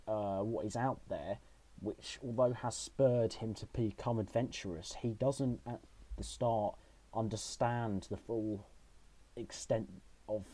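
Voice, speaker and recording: A man's voice: lowish voice, warm tone, low-quality recording. A man co-hosting a casual podcast discussion, talking hesitantly with many fillers, his microphone cutting out so the volume keeps jumping. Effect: mic cutting out, uneven volume. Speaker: podcast co-host.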